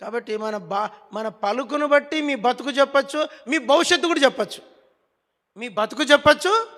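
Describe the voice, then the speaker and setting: A man's voice: very high-pitched, normal speed, pushed and bright, long reverb tail. A man preaching a sermon as pastor, emphatic and scolding, who has the congregation repeat his words.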